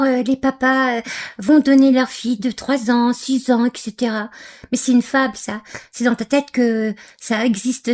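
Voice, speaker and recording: A woman's voice: on the high side, darkish tone. A woman from Algeria giving angry, scornful reaction commentary on a video, with frequent hesitations. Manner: scornful, insulting, hesitant with many fillers.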